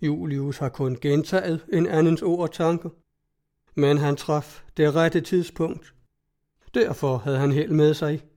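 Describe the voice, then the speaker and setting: A man doing a gentle old greybeard. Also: a little high, fairly even intonation, natural voice. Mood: consoling. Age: older.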